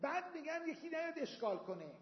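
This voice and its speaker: Male seminary teacher, high voice, explanatory lecture style, roomy hall recording. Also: sing-song, a little hiss or hum. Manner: explains with everyday examples, quotes Arabic texts. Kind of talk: Islamic jurisprudence lecture. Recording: echoey hall, dull lo-fi sound.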